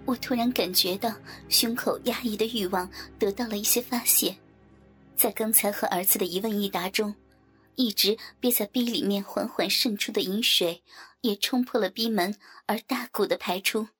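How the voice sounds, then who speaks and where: A woman narrating a story in a soft, breathy, half-whispered voice. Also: medium pitch, moderate pace, soft background music. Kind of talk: whispered erotic story reading.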